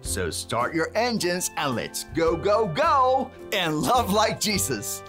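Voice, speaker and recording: Bouncy, animated handyman host for kids. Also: high voice, slow pace, soft background music. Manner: playful, exclamatory, leads chants. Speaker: children's show host in character. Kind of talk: preschool Bible lesson.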